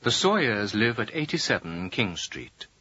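A man speaking slowly and carefully in a scripted language-course dialogue. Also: on the low side, sing-song, pushed and bright, no room sound. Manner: slow, careful, clearly spaced delivery. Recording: dull lo-fi audio.

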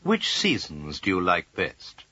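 Lively low-voiced man asking questions. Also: a little slow, slightly rough. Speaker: language course speaker. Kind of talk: scripted course questions. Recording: dull lo-fi audio.

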